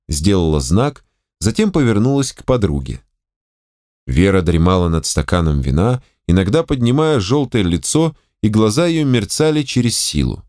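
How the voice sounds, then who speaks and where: A man's voice: fairly low pitch, a little mellow, no room sound, studio quality. A man reading an audiobook aloud, narrating expressively and moving between character voices. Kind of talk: scripted narration.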